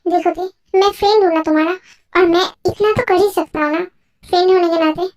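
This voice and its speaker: A woman's voice: very high-pitched, steady tone, brisk, a little mellow, low-quality recording. A woman voicing every part of a homemade fan dub drama in a plain conversational way. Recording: faint music behind.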